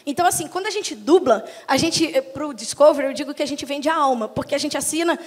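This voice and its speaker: A woman's voice: sits high, quick pace. A woman with a Brazilian accent, a translator, speaking with enthusiasm to an audience in a talk about dubbing. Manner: enthusiastic, addresses the audience directly. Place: lecture hall. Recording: long reverb of a hall.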